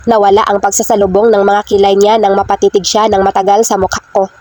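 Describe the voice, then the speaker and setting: Woman reading a romance novel, flat. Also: mid-range voice, fast. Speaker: audiobook reader. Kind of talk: first-person romance novel narration. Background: faint background music.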